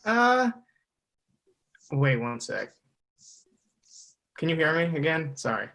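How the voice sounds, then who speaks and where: A young woman studying abroad, talking casually over a bad video call connection that keeps cutting out, halting and breaking off mid-phrase. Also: low voice, big pitch swings, fairly bright tone. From United States. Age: young adult. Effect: bad video call connection, voice cutting out and distant. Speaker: student abroad.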